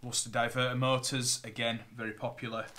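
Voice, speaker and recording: Very noisy audio captures a Northern English plumber at a table in his living room, filmed on a tripod camera for a casual unboxing vlog. Fast and level-toned at medium pitch, he chats matter-of-factly while listing boiler parts, plastic bags crinkling around him.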